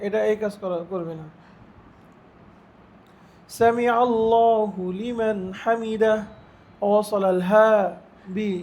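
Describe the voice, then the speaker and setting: A man teaching a religious lesson, reciting Arabic phrases slowly and putting questions to his students. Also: sits high. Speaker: Islamic teacher.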